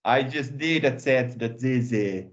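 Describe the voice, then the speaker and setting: Slow-talking man co-hosting a language show. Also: mid-range voice, muffled recording. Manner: repeats words back slowly, offers short answers. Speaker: co-host. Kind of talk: slow, casual discussion of word sounds.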